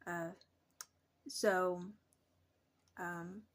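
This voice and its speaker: A young adult woman talking casually to her vlog viewers, halting and pausing often mid-sentence. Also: on the low side, steady tone. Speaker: vlogger.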